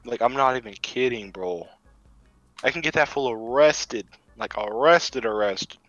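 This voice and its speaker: A young man with a bright, forceful voice tells crude school stories, full of swearing and laughter. The sound is dry and a little dull, like a cheap home mic. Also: mid-range voice, a little slow, no echo, soft background music. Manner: laughing, profane storytelling. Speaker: podcast co-host. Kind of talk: casual chat.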